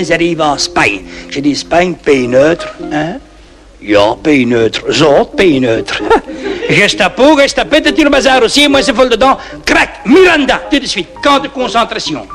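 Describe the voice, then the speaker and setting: Male comedian as a Flemish peasant storyteller, high-pitched voice, rambling French full of "hein" and Dutch oaths, old vinyl with music. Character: boastful Flemish peasant man telling tall tales. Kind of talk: comic monologue in broken French. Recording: old 1960s record with music.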